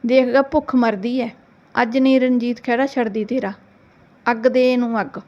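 A woman's voice: a little high, fairly even intonation, normal speed, dull audio, natural voice. A woman voicing a stern mother who scolds sharply in a storybook reading. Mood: scolding.

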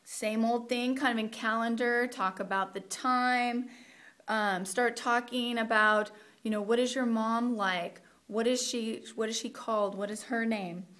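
A woman's voice: on the high side, fairly even intonation, measured pace, fairly bright tone. A woman walking teachers through a week of Spanish immersion lessons in a practical, conversational way, dropping in Spanish phrases. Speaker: Spanish program instructor. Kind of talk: teacher training walkthrough.

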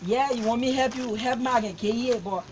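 A man's voice: extremely high pitch, fairly quick. A man with a Liberian West African accent playing a skeptical friend in a comedy skit, questioning in a conversational way. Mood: doubtful, questioning. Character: skeptical male friend reasoning with a confused man. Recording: faint background noise.

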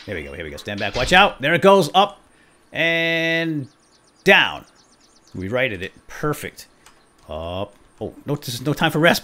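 A man hosts a gaming let's play, full of playful, exuberant commentary and light role-play as he talks to himself and his viewers. His voice is fairly low in pitch, with background noise present.

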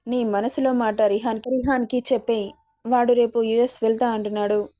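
A woman's voice: on the high side, little pitch movement, normal speed, warm tone, close to an everyday voice. A woman voicing a stern, protective older brother who warns his sister, in a spoken love story. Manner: stern, warning.

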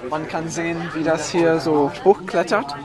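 A young man explains things patiently in a casual chat, with lots of fillers between his words. His voice is a little high. He was recorded outdoors on a city rooftop with a camera mic, and loud crowd noise fills the background. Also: fairly even intonation, normal speed. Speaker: guest, botany intern.

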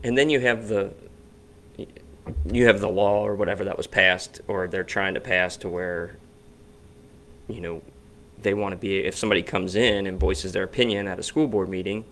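A man with a fairly low voice chats casually as a podcast co-host. He rambles and restarts his sentences often, talking through stories in a relaxed, conversational way. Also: moderate pace, long pauses, slight background noise. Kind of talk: casual chat. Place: basement home studio.

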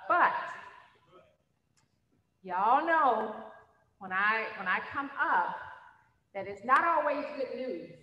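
A woman's voice: on the high side, lively intonation, slow, pauses often, dull audio. A middle-aged woman with a Mississippi drawl, a college instructor addressing students in a folksy way, repeating phrases. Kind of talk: addressing students at a chapel assembly. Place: large indoor gymnasium. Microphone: handheld microphone. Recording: echoey gymnasium PA, long reverb.

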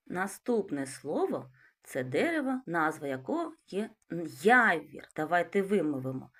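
A woman teaching young children to read, speaking slowly and clearly and sounding out words syllable by syllable. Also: on the low side. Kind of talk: literacy lesson for young children.

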